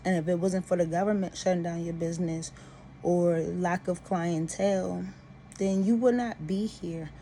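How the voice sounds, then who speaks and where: A woman's voice: lowish voice, fairly even intonation, normal speed, mellow, a little hiss or hum. A woman venting about personal grievances to camera in an emphatic, aggrieved way.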